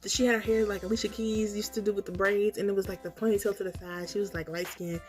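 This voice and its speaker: Female vlog storyteller, mid-pitched, hazy and puzzled dream recounting, casual and reactive, light music underneath. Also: flat delivery, fast. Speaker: storytelling vlogger.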